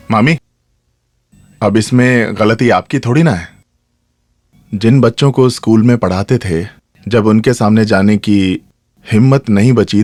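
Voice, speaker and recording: A man's voice: on the low side, no echo, natural voice. A man playing a joking, fond elder brother over music. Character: cheerful middle-aged man leaving family. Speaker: lead character in a dubbed film. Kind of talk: dubbed film acting. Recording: film soundtrack with loud music.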